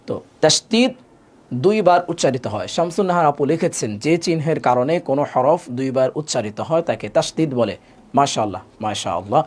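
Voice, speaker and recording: Male Quran teacher, patient and repetitive, fairly high, animated pitch, slows down to spell out letters. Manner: patient, repeats each rule with call-and-response questions. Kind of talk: live online tajweed class.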